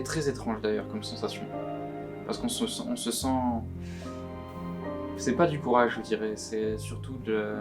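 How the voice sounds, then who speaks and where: Man, anonymous witness, deep pitch-shifted disguise, earnest, halting, guitar music underneath. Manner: earnest, halting, often repeats words. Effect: voice disguised, pitch shifted deeper. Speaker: anonymous witness giving testimony. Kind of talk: recorded testimony, answering questions. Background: plucked guitar music.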